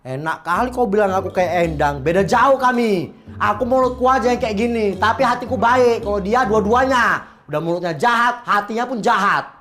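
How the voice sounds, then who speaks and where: A woman with a Medan accent playing a sharp-tongued, bossy middle-aged woman who scolds and complains bluntly. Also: mid-range voice, normal speed, close to an everyday voice. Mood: irritated. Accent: Medan Indonesian. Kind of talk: comedy web drama acting.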